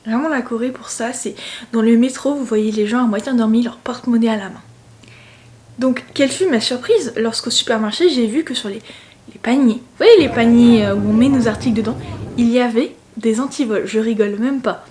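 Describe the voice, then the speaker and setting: Chatty young woman, fairly high voice. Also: brisk. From France. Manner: chatty, animated storytelling, playful asides. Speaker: travel vlogger. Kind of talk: casual vlog chat.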